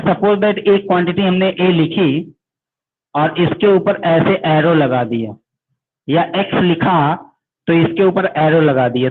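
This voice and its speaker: A male physics teacher, giving an online class lecture. He calls his students "beta", asks them questions and then answers them himself. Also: high voice. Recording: tinny phone-like audio.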